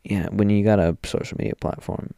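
A young man talks through a casual solo podcast, rambling, joking and trailing off as he thinks aloud. His voice is lowish and mellow. The sound is close and dry. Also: steady tone, a little fast, vocal fry, clear, resonant tone, no echo. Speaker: podcast host.

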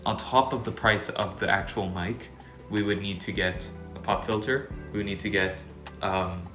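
A man's voice: low voice, steady tone, moderate pace, bright, forceful tone, faint music behind. A man co-hosting a casual podcast chat, with a nasal voice, stuffy from allergies, rambling with many fillers and restarts. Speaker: podcast co-host. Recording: echoey room.

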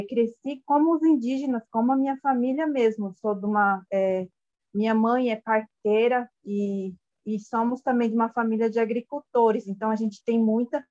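A soft-spoken woman in her 30s, whose first language is Guarani-Mbyá, gives a personal testimony in a slightly high voice. She is gentle and reflective, searching for words. The recording is dull, lo-fi audio.

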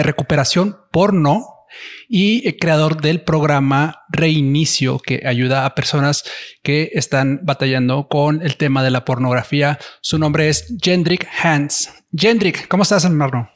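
Animated Spanish-speaking podcast host, man. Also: a little high. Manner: friendly, many restarts and repeated words. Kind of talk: casual podcast interview.

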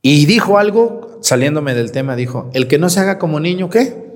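A man's voice: fairly high pitch, lively intonation, moderate pace. A priest preaching a Sunday sermon, scolding and teasing his congregation, acting out sarcastic quotes. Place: church. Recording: long church reverb.

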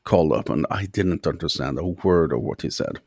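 Low creaky-voiced man telling a story. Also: expressive, fairly quick, darkish tone, dry recording. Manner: rambling, hesitant with many fillers. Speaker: guest telling his story. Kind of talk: casual conversational storytelling.

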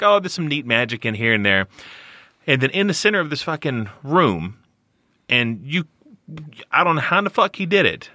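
A man co-hosting a podcast, telling an animated, profane anecdote in casual chat. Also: medium pitch, dry recording. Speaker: podcast co-host. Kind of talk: casual storytelling.

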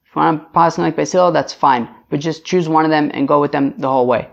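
Gravelly man explaining a Talmud lesson. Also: fast. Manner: animated explaining, lively pitch jumps for emphasis. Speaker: Talmud teacher. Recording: dull lo-fi sound.

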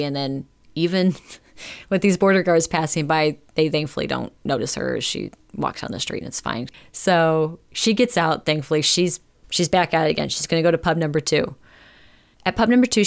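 Brief: woman storyteller, low-pitched, casual and chatty, filler-heavy delivery. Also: a little fast, creaky. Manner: chatty, lots of "like" fillers, occasional swearing. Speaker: podcast storyteller.

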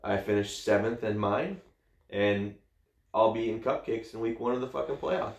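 A man with a fairly low voice talks in a blunt, profane and jokey way. He is answering questions in a casual podcast chat. The sound bounces around an echoey room. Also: normal speed, vocal fry.

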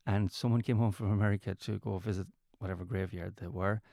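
This west of Ireland speaker from County Mayo has a lowish, gravelly, dark voice that holds steady, captured in a studio without echo. A comedian and entertainer appearing as an interview guest, he tells relaxed stories, often repeating himself and restarting phrases.

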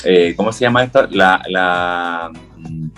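Campy Chilean-accented man, low-pitched. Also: slow, a bit bright, soft background music. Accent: Chilean Spanish. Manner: campy, rambling, joking. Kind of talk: casual chat.

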